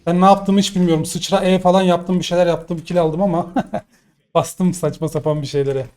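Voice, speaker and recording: A young man commentating his own gameplay live, excitable and swearing in frustrated outbursts. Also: high voice, moderate pace. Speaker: gaming streamer.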